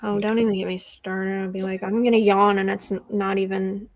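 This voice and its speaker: A woman's voice: medium pitch, flat delivery, brisk. A woman co-hosting a reading livestream from home in casual chat, playful and teasing, often laughing.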